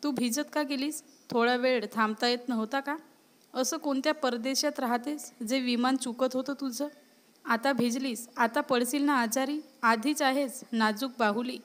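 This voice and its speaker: A woman voicing a gruff young male college student who scolds bluntly but cares. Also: high-pitched, fairly even intonation, normal speed, lightly acted. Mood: scolding. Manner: scolding, blunt, secretly caring.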